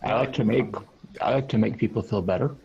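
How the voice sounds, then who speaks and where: Gravelly man on a dull recording. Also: fairly low pitch, fairly quick, darkish tone. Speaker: tabletop game player. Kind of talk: casual joking chat. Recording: dull lo-fi sound, faint noise.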